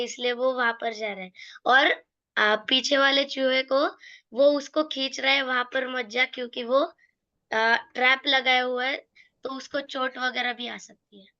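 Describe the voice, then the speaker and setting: Student on a video call, high and bright, kinda hesitant, dull lo-fi sound. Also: female voice. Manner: hesitant, explaining in simple words. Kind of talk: answering in class.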